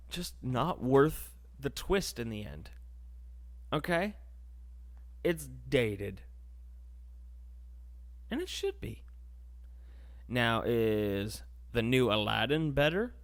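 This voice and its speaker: A man's voice: mid-range voice, fairly bright tone. A young man hosting a podcast, ranting in a casual, sarcastic, rambling way. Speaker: podcast host. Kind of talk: casual comedic rant.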